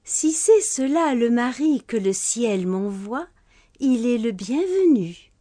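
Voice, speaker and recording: A woman voicing a gentle young bride who speaks with tenderness, in a told folk tale. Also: fairly high pitch, sing-song, slow, no room sound, studio quality, heavily acted. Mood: tender. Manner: tender, soft.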